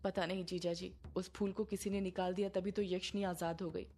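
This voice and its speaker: A woman's voice: fairly low pitch, little pitch movement, fairly quick, warm tone, a little hiss or hum, lightly acted. A woman voicing a frightened young village man who stammers as he answers. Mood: scared. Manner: stammering, fearful.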